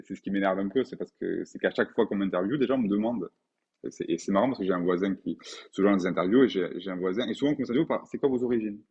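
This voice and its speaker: Man in his 40s, from France, deep husky voice, quick earnest talk, dull lo-fi sound. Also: darkish tone. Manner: earnest, repeats words for emphasis. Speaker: podcast guest, painter. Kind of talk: conversational interview.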